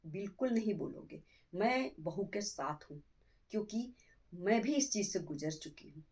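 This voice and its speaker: A woman's voice: lowish voice, a little mellow, husky. A woman playing a middle-aged mother-in-law in a family skit, scolding her son and defending her daughter-in-law. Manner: scolding, lecturing, emphatic.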